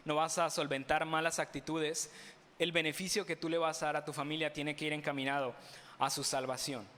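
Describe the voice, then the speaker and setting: A Mexican pastor delivers a sermon in a church sanctuary, his voice bright and a little raised. He keeps asking the congregation rhetorical questions and slips in playful humor. Long reverb from the hall trails each phrase. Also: a little high. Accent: Mexican Spanish.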